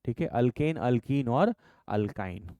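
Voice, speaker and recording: A man teaching a chemistry class, dictating definitions slowly and calling his students "babu". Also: mid-range voice, animated, dark tone, no echo, dull audio.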